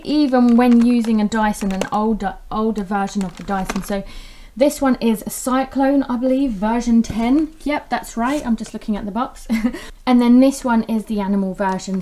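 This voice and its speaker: A woman's voice: a little high, warm tone. A woman in her thirties chatting casually to a handheld camera in her living room, rambling with lots of fillers. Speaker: home vlogger. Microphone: handheld camera at arm's length.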